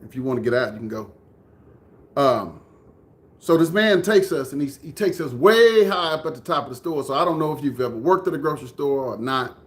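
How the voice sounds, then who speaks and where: A Texan man in his thirties, from Dallas, telling a personal story earnestly to a live chat, often repeating phrases for emphasis. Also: on the high side. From Dallas, Texas. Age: 30s. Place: indoors, room with air conditioning.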